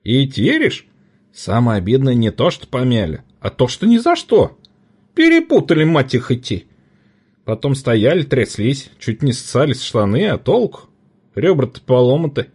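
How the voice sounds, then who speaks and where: A man's voice: medium pitch, big pitch swings, moderate pace, a little mellow, breathy edge, pitched above the performer's own voice. A man voicing a beaten-up, stooped pigeon keeper who talks sluggishly and complains in an audiobook. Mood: weary complaint.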